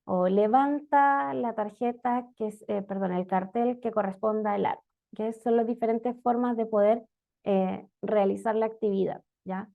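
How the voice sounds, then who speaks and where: A special education instructor gives an online lecture on teaching reading, explaining step by step and often checking in with "¿ya?". Her voice is a little high and steady with vocal fry, at normal speed. The audio is muffled and lo-fi.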